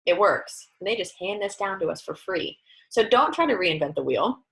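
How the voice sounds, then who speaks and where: A woman giving a casual, upbeat training talk, chatty and lively, often breaking into quoted dialogue. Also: moderate pace, vocal fry, poor audio. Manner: lively, upbeat, acts out quoted dialogue with sudden high pitch jumps. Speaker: network marketing trainer.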